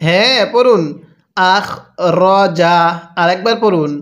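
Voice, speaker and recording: A man with a Bangladeshi Bengali accent teaching Quran reading. He spells out each syllable slowly and asks the listener to repeat after him. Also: high voice, fairly bright tone. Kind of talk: slow syllable-by-syllable recitation lesson.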